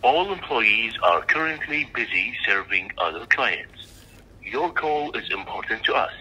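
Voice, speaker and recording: A man's voice in a recorded phone menu message, giving formal, measured prompts over a phone line. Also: fairly low pitch, lively intonation, bright, forceful tone, a little hiss or hum. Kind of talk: scripted phone system prompts.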